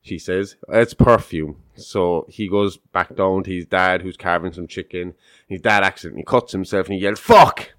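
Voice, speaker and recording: A man's voice: sits low, little pitch movement, moderate pace, a bit bright, smooth, no echo, clean studio sound. A man hosting a podcast in casual chat, telling jokes, swearing freely and laughing often. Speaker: podcast host.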